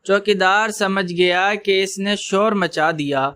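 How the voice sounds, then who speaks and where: A man narrating an emotional story in a steady storytelling manner. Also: high voice, clear, resonant tone, no room sound.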